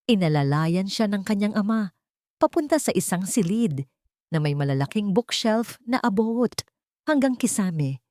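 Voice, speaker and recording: A woman narrates a scripted dramatic story in a mid-range, animated, slightly mellow voice at normal speed. The recording is clean studio sound with no echo.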